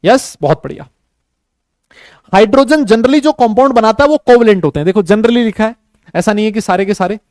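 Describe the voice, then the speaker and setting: A man teaching a chemistry class online. He talks slowly and easily, mixes Hindi with English terms and keeps quizzing his students. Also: high-pitched, animated, a little mellow, no room sound. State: has a headache.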